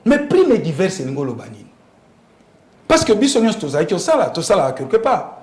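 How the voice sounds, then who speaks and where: High-voiced with huge pitch swings and a darkish tone, the man speaks a little fast amid reverberation. As an interview guest with a Congolese accent, he discusses politics emphatically and leans on rhetorical questions.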